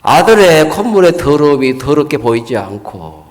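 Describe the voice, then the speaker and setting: An older male pastor preaches in a fairly high, very lively voice, swinging from loud to soft. He tells homely stories and keeps asking the listeners questions. His words ring out with a long reverb in a large church hall. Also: moderate pace. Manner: folksy storytelling with rhetorical questions. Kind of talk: sermon.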